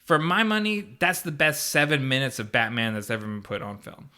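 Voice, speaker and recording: A man's voice: mid-range voice, big pitch swings, brisk, bright, forceful tone. A man co-hosting a podcast, recapping a movie in casual chat with sarcastic asides and frequent laughter. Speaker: podcast co-host.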